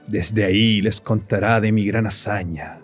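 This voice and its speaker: A man playing a sinister undead villain doctor from a horror radio play, husky voice and pompous, gloating, mock-courteous manner. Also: on the low side, steady tone, unhurried, close to an everyday voice. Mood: menacing, gloating. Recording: music behind the voice.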